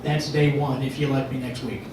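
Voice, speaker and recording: A man's voice: mid-range voice, little pitch movement, a little fast, noisy background. A man, a candidate at a public forum, making his point in a confident, emphatic way in a large echoey hall. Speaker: political candidate. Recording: echoey hall, heard from far off.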